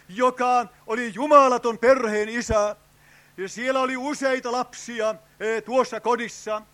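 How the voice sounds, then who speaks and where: A man's voice: very high voice, a bit bright. An older man preaching an evangelistic sermon at a tent revival, fervent and pleading, crying out "oh" and calling to his friends. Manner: fervent, with frequent drawn-out "oh" cries and direct appeals to "friends".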